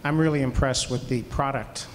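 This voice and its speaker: A man's voice: medium pitch, steady tone, normal speed, slight background noise. A man chairing a public meeting, courteously thanking speakers and wrapping up. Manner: courteous, wraps things up. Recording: long hall reverb.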